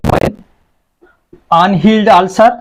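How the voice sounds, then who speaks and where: High-voiced Bengali man lecturing. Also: fairly even intonation, takes it slowly, background noise. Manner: explains terms, asks and answers own questions. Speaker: medical lecturer. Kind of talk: classroom lecture.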